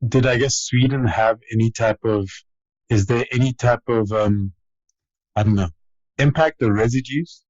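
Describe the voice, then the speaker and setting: A man's voice: medium pitch, moderate pace, darkish tone, no room sound. A man hosting a podcast, introducing his guest and asking thoughtful, hedging questions. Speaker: podcast host. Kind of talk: interview questions and scripted intro. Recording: dull, lo-fi and dry.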